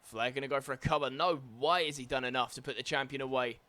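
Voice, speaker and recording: Bright-voiced man calling wrestling play-by-play. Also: mid-range voice, quick pace. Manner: excited calls with frequent exclamations. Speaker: video game commentator. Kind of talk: play-by-play wrestling commentary over gameplay.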